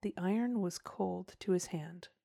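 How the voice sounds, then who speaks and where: A woman giving a measured, expressive audiobook narration of a storybook. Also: fairly low pitch, creaky, no echo, clean studio sound.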